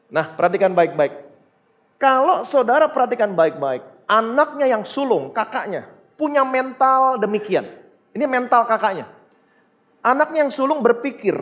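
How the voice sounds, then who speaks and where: A male pastor preaching a sermon emphatically, repeating his points and asking the congregation questions. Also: very high-pitched.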